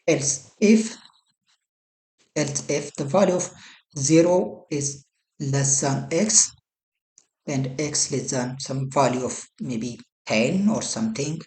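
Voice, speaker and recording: A software tutorial presenter walking through a program step by step, often hunting for words and correcting themselves mid-phrase. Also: medium pitch, reverberant. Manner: halting, searches for words, repeats "some kind of". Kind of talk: screen-recorded software walkthrough.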